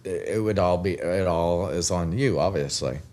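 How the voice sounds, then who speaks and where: A man's voice: deep voice, moderate pace, mellow. A man co-hosting a casual fan podcast, dropping dry teasing wisecracks. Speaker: podcast co-host.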